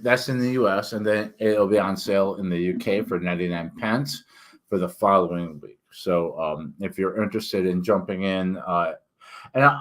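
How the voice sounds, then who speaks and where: A man talking casually and haltingly to viewers as an author, his words thick from a swollen tongue and a sore mouth and throat. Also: on the low side. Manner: halting, rambling, self-interrupting. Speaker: author and book reviewer. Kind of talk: casual solo vlog talk.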